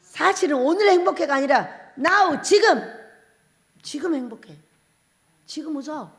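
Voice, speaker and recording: A woman pastor preaching a revival sermon, animated and laughing often as she puts questions to the congregation. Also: high voice, measured pace.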